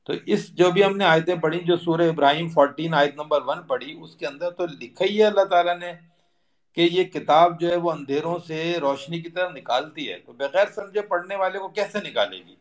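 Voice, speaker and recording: A middle-aged man teaching a religious lesson in an earnest, explanatory way, repeating phrases for emphasis and mixing in English words. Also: fairly high pitch. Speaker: Quran teacher.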